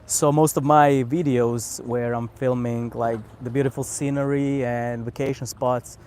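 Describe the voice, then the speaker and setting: A man's voice: medium pitch, slight background noise. Croatian man chatting casually outdoors. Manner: relaxed, unhurried, repeats words while thinking. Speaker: cigar channel host. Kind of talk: casual live-stream chat. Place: outdoors on a vacation island by the sea.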